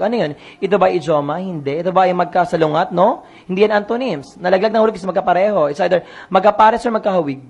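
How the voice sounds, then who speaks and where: Review coach w a gravelly voice, drills answers over and over, keeps asking if it's clear. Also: medium pitch, lo-fi sound. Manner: quizzing, repeats answers, asks "Maliwanag ba?". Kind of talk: exam review lesson.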